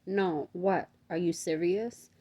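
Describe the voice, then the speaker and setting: A woman's voice: lowish voice, slow pace, breathy edge, highs cut off. A woman reading aloud as a practical, level-headed sister who speaks firmly. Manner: firm, calming.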